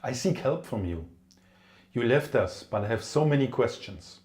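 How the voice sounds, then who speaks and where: A woman's voice: very deep voice, animated, a little slow, darkish tone. A woman playing a desperate human who pleads with an alien emperor in an emotional, dramatic science-fiction scene. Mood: pleading. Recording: roomy, echoing room sound.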